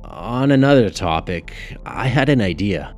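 A man's voice: fairly low pitch, big pitch swings, unhurried, soft background music. A man voicing an earnest husband and family man in an audiobook.

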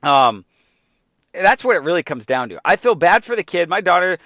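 A man, a father in his forties, talking casually and candidly with animated asides. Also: sits high, moderate pace, no echo, studio quality. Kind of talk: casual chat.

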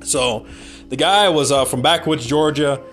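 A man's voice: on the high side, measured pace, a bit bright, soft background music. A man from the United States hosting a podcast, talking in a blunt, rambling casual monologue and swearing freely. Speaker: podcast host.

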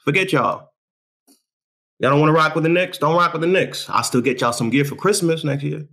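A young man from New York talks sports on his own show, boastful and fired up. He leans on street slang, repeats himself for effect and keeps things animated. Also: fairly high pitch, a little fast. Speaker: show host. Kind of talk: hyped sports talk monologue.

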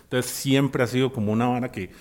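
Costa Rican male guest, 40s, rambling slangy podcast talk, quick to laugh. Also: medium pitch, fairly even intonation, darkish tone, slight background noise. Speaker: guest musician. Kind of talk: casual podcast chat.

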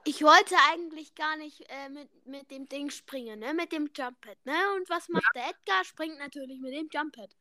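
Bright, high, excitable young woman. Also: normal speed, hardly any pauses, no echo, studio quality. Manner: excitable, shrieking at the game. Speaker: podcast co-host. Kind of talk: casual chat while gaming.

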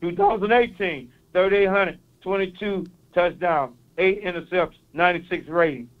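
A man's voice: high-pitched, moderate pace, phone-quality sound. A man from East Saint Louis with a local accent, calling into a sports show and earnestly reeling off stats. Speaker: caller. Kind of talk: call-in sports talk.

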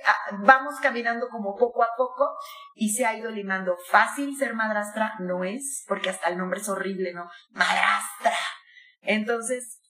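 Older woman guest, lively advice talk, bright higher voice, echoey room. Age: 60s. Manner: animated, acts out quoted voices.

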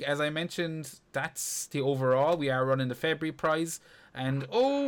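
A man's voice: mid-range voice, a bit bright. A man with an Irish accent hosting a podcast in casual, freely sweary banter. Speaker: podcast host.

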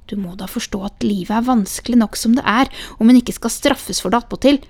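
A woman's voice: on the high side, darkish tone. A woman voicing an elderly, stubborn grandmother who speaks firmly and patiently in a storybook reading. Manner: firm, patient, scolding.

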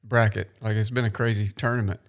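A man's voice: lowish voice, flat delivery, fairly quick. A man in casual podcast chat who talks hesitantly, restarting and repeating words as he thinks. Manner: hesitant, repeats his words while searching for them.

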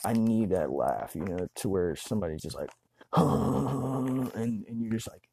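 A man talking to himself in a casual, rambling monologue, laid-back and full of slang and swearing, high on weed. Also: animated, a little slow, gravelly, warm tone, breathy edge. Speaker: solo talker.

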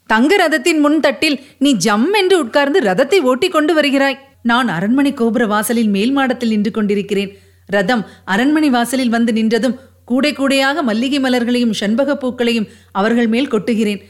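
A woman's voice: a little high, natural voice. A woman reading a novel aloud, voicing a witty, spirited young wife who answers proudly. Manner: quick-witted, proud retorts.

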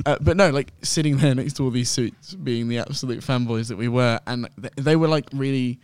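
Young man rambling excitedly on a podcast. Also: mid-range voice, a little fast, clear, resonant tone, dry recording. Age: young adult. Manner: rambling, excitable storytelling with many fillers. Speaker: guest host. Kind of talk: casual podcast chat.

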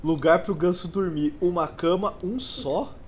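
A man's voice: high voice, a little slow, over a noisy crowd. A man with a Brazilian Portuguese accent reading out answers in a casual, sweary word game with friends. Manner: informal, sweary.

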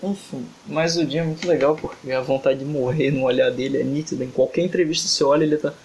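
A man's voice: mid-range voice, fairly even intonation, quick pace, darkish tone. A man from Brazil co-hosting a casual podcast, joking, swearing freely and fumbling through foreign words. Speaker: podcast co-host. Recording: faint background noise.

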